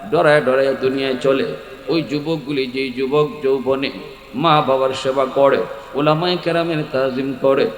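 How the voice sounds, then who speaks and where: A man with a Sylheti Bengali accent giving a sermon, swinging from shouted peaks to quiet storytelling. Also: mid-range voice. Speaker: preacher. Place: large outdoor or hall religious gathering. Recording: echoey hall with long reverb.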